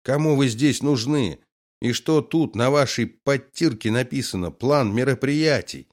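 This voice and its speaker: A man's voice: mid-range voice, measured pace, voice pushed up, lightly acted. Man voicing a scornful stern army colonel. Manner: sarcastic, scolding, firm.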